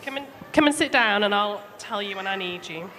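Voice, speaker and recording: Expressive and a little fast, a woman with a mid-range, bright, forceful voice tells the children a story during a church service. She speaks simply and chattily, asking them questions along the way. The hall echoes and carries background noise.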